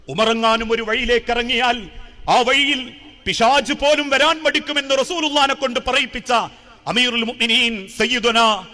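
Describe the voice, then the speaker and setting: High-voiced man preaching in an echoing hall. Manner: emotional storytelling, dramatic swings between loud and hushed. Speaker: Islamic preacher. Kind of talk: sermon.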